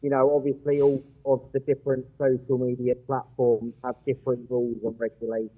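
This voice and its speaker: A man's voice: mid-range voice, monotone, fairly quick, a little hiss or hum. A man talking casually as a guest over a video call, his voice sounding hollow like he is in a cave, often restarting sentences. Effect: hollow cave-like echo from a bad call connection. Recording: dull lo-fi call audio from off the mic.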